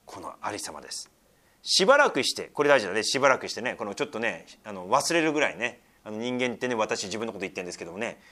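Japanese pastor with a lively, swinging voice. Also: male voice, on the low side. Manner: swings between loud scripture reading and soft, near-whispered asides; conversational, with many fillers and tag particles. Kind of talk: sermon reading scripture with commentary.

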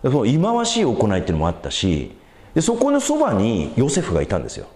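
Animated Japanese pastor preaching, echoey. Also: male voice, fast. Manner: animated, conversational preaching with wide swings in pitch. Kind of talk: sermon.

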